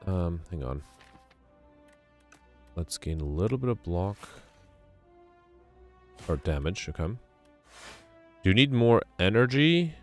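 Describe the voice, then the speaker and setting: A man's voice: low voice, big pitch swings, takes it slowly, long pauses, soft background music. A man chatting casually while playing a co-op game, thinking aloud with frequent hesitations and ums. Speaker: streamer playing co-op. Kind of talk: casual gameplay chat.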